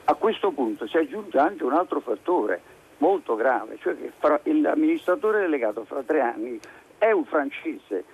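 A middle-aged or older man with a Neapolitan accent, calling a radio show and calmly laying out his arguments. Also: fairly high pitch, moderate pace, slightly rough. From Naples, Italy. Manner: calm, argumentative, explanatory. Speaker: phone-in caller. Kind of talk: spontaneous opinion on a radio call. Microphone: telephone. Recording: noisy telephone call to radio.

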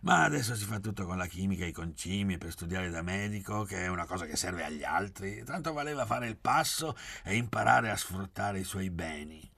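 A man's voice: low voice, expressive, a little fast, vocal fry, few pauses, sharp tone, breathy edge, dry recording, full character voice. A man voicing a practical, grumbling middle-aged landowner in a literary audiobook. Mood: matter-of-fact. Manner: grumbling and matter-of-fact.

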